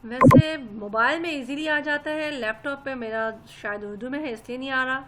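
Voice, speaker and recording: A woman's voice: sits high, moderate pace, noisy background. A woman, teaching an English grammar lesson patiently and step by step, often addressing her listeners politely.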